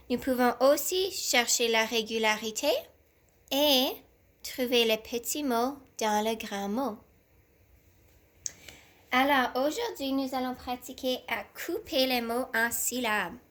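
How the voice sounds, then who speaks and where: A woman teacher leads a reading lesson for young children from home. She talks at a very unhurried pace, stretching out each syllable with care, in a somewhat high voice. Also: a bit bright. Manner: slow and deliberate, sounding out syllables.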